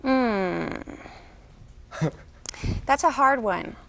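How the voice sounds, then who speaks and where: A woman's voice: fairly high pitch, animated, drawn-out words, creaky. A woman playfully giving casual, off-the-cuff answers as a game show contestant. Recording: loud background noise.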